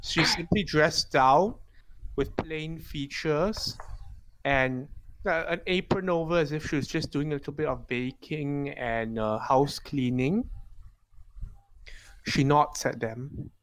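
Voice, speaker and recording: Halting game master with faint noise behind. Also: medium pitch, fairly bright tone. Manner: hesitant, halting description. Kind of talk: improvised tabletop game narration.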